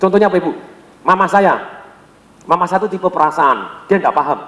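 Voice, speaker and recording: A man from Indonesia delivers an energetic sales seminar, repeating key words and calling questions out to the audience. His voice sits high. The sound carries the long reverb of a big hall. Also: fairly quick. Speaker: sales trainer. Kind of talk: seminar lecture to a live audience.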